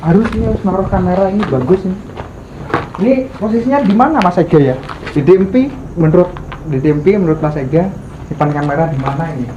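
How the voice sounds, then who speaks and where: A man's voice: high-pitched, lively intonation, quick pace. A man with a Javanese Indonesian accent chatting casually as he vlogs an exploration of an abandoned place at night. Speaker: ghost-hunting vlogger. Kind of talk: casual exploration vlog chat. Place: abandoned old house and well at night. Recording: lo-fi, echoey, noisy with animal and ambient sounds.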